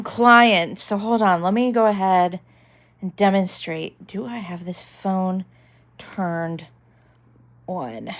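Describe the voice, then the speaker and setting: Rambling woman demoing a phone. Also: medium pitch. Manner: rambling, lots of fillers and "like". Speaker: vlogger. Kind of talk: casual demonstration.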